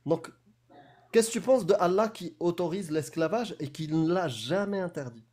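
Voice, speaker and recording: A man's voice: sits high, expressive, normal speed, a little mellow. A man running a heated live debate, pressing and mocking his opponent and talking over him. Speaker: debate host.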